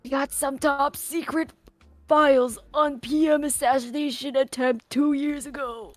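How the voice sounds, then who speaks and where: A demanding male police contact who barks short orders, as a woman streamer puts him on. The voice sits high and the lines come slow and dry, with faint music underneath. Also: fairly even intonation, no echo. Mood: bossy. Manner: curt orders, drawn-out lines. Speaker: streamer reading game lines aloud.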